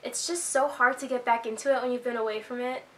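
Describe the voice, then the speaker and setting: A woman's voice: on the high side, steady tone, fast. A woman of twenty-one chatting to camera in a rambling life-update vlog, a little out of breath from being sick. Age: 20s. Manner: chatty, rambling, filler-heavy. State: slightly out of breath from illness. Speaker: YouTuber.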